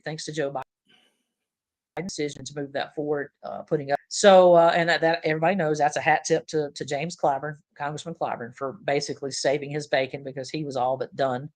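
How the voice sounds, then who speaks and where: A man's voice: fairly high pitch, fairly bright tone. A man hosting a political podcast, talking in a casual, opinionated way with many fillers.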